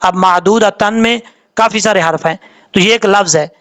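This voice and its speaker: A man teaching a tajweed lesson in Urdu with a Pakistani accent, spelling words out sound by sound and chanting the verses in long drawn-out notes. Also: sits high, fairly bright tone. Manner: slow letter-by-letter drilling, drawn-out chanted recitation.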